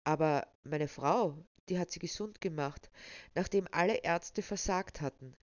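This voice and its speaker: A woman reading aloud, voicing an agitated village man who shouts and pleads. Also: lowish voice, a little slow, lightly acted. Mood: pleading. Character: angry village man, drunk-brave, desperate. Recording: slightly dull, dry sound.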